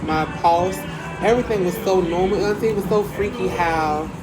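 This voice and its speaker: A woman's voice: on the low side, moderate pace, over loud music. An American woman with a candid, thoughtful, conversational manner, recounting a personal experience in casual vlog chat. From United States. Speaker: vlogger.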